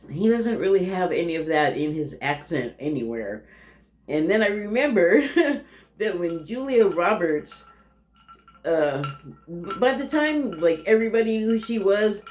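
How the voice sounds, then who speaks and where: A woman's voice: on the low side, a little mellow, slight background noise. A woman giving a casual, rambling TV review monologue, laughing often and trailing off into fillers. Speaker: TV critic. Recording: roomy echo.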